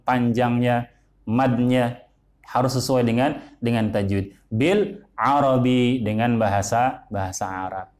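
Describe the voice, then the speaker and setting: A man gives a religious lesson on Quran recitation. He speaks at a measured pace, often repeating a word before moving on. His voice sits at an ordinary middle pitch. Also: darkish tone.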